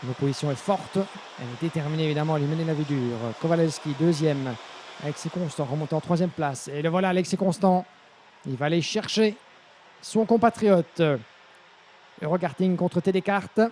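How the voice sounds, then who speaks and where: A male motorsport commentator calls a live karting race in a high, soft-edged voice. He gets excited whenever the racing heats up. A faint layer of background noise sits behind him. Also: normal speed. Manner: excited when the action heats up.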